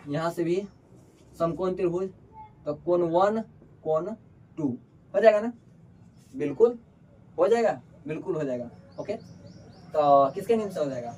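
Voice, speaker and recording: A man's voice: fairly high pitch, dark tone, slightly rough. A man teaching a board-exam lesson, asking questions and answering them himself and calling students "babu". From Bihar. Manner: colloquial, calls students "babu". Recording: distant mic with faint background noise.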